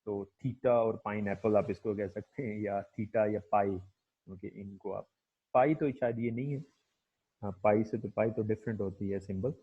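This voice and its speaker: Husky man lecturing, muffled recording. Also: on the low side, fairly even intonation. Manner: hesitant, fills with "okay", slowly demonstrates sounds. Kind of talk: phonetics lecture.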